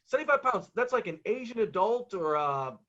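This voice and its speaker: A man's voice: high-pitched, sing-song, brisk, sharp tone, lo-fi sound. A man doing a stand-up monologue of punchy jokes, told as conversational stories with acted-out exchanges in an exasperated, self-mocking way. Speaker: touring road comic.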